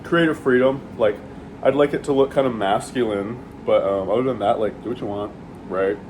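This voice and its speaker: A man with a medium-pitched voice, speaking a little fast, chats casually while eating on camera as a vlogger. He rambles, swears freely and uses lots of fillers, with a steady air conditioning hum behind him.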